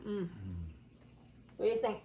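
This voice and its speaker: A woman's voice: mid-range voice, fairly even intonation, unhurried, warm tone, slight background noise. A middle-aged woman chatting homily through a bread recipe in her kitchen. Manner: homey, chatty, step-by-step. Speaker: home baking vlogger. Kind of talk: casual cooking demonstration.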